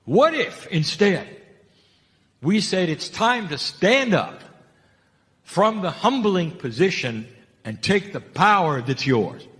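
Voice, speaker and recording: A man's voice: sits high, sing-song, takes it slowly, fairly bright tone, in a large hall. A man giving a channeled spiritual talk, emphatic, asking rhetorical questions and repeating key phrases.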